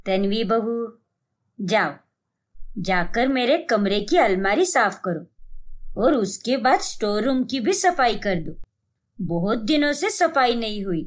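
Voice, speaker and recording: A woman's voice: fairly high pitch, lively intonation, takes it slowly, voice pushed down. A woman voicing a strict, traditional mother-in-law who gives orders and scolds in a cartoon story. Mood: commanding. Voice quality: scolding, commanding.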